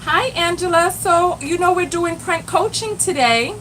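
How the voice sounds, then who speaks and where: In a very high-pitched voice at an unhurried pace, a woman coaches self-love on her live stream, recorded roughly with slight background noise. She chats animatedly, directs her words to the chat, and lets out "Lord have mercy."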